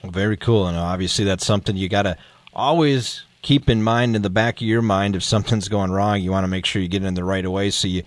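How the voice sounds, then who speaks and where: A man's voice: on the low side, steady tone, fast, dry recording. An American man hosting a radio interview in a casual, conversational style.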